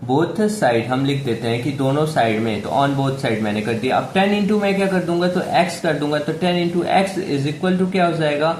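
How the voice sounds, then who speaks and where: A man's voice: fairly high pitch, moderate pace, few pauses. A man teaching a math lesson step by step. He talks patiently and keeps asking and answering his own questions. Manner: patient, repeats questions to the viewer, says "theek hai" often. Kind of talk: step-by-step classroom explanation. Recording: echoey room with faint background hiss.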